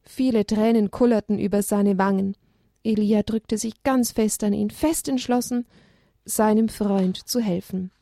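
A woman reading a children's story aloud in a gentle, expressive way. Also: mid-range voice, a little slow, vocal fry, no echo, clean studio sound.

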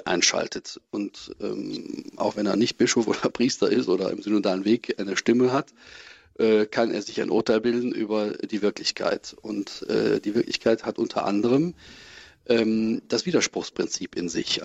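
Male priest guest, low husky gravelly voice, measured and halting, dull lo-fi recording. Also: dry recording. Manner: measured, thoughtful, frequent hesitations. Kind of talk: spoken sermon commentary and interview answers. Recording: dull lo-fi sound.

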